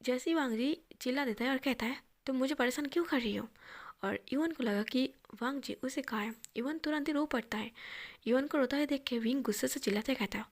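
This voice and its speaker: A woman reading a fan story aloud in a soft, half-whispered voice. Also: high-pitched, fast. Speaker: story reader.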